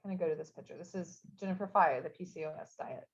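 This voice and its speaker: A program coordinator, a woman with a fairly low, slightly rough voice, talks fast and casually through a recorded info session, full of fillers and restarts. The recording sounds dull and lo-fi.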